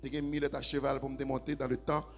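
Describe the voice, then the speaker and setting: A man with a Haitian accent preaching a sermon in church, swinging from low, quiet talk to shouted, half-sung preaching. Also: level tone, fast. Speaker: pastor. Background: faint keyboard.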